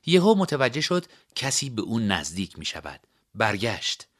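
A man reads a story aloud as its narrator. His pitch moves in a lively way, and his delivery is expressive. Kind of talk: storybook reading.

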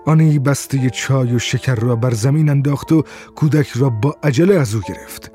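A man reading a story aloud as an audiobook narrator in a steady, measured way. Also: mid-range voice, faint music behind. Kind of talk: scripted narration.

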